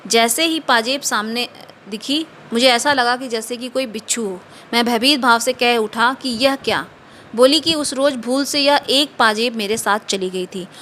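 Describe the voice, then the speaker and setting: Bright-voiced woman reading a story. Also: a little high, slight background noise. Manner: steady, measured storytelling with a closing sign-off. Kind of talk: reading a literary short story aloud.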